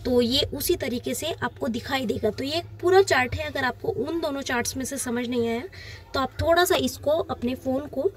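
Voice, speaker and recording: A woman's voice: sits high, moderate pace. A woman teacher giving an exam-prep lesson over slides, patient and repetitive, mixing in English terms. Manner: patient, repeats points, mixes in English terms.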